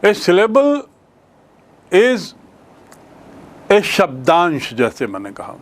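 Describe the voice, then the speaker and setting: A male teacher, explaining grammar in a classroom lesson, slowly repeating and spelling out words. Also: high-pitched, wildly swooping pitch, slight background noise. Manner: slow, repeats and spells out words, mixes English phrases.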